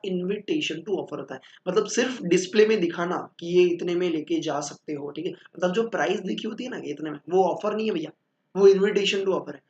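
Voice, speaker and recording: A high-voiced young Indian man teaching law in a lively, playful way, slipping between Hindi and English and slowing down to read from the book. The room echoes around him, and the sound is a little dull. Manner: lively, mixes Hindi and English, calls students beta and bhaiya; reads book lines in English slowly. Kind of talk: classroom lecture.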